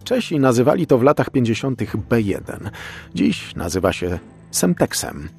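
A man's voice: mid-range voice, sing-song, normal speed, vocal fry, darkish tone, faint music behind, voice pushed up. A man voicing a jovial middle-aged male forensic expert who lectures and teases his junior in an audiobook. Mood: lecturing. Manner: teasing, lecturing like a professor.

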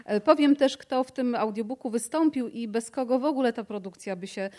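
A woman's voice: a little high, a little fast. A woman radio host giving a spontaneous thank-you speech at an audiobook premiere. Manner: warm spontaneous speech with fillers.

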